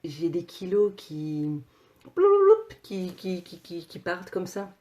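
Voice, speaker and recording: A woman coach talking casually to her viewers, animated, with many repeated words and restarts. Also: fairly low pitch, a little slow, muffled recording. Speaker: personal coach and author.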